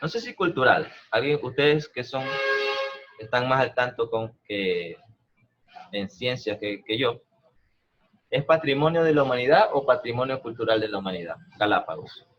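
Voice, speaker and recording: A man's voice: medium pitch, expressive, normal speed, a bit bright, lo-fi sound. A man, teaching an online math class, explaining patiently and often asking whether the students follow. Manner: explains patiently, checks understanding with frequent "¿no?" and "¿verdad?". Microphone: video call.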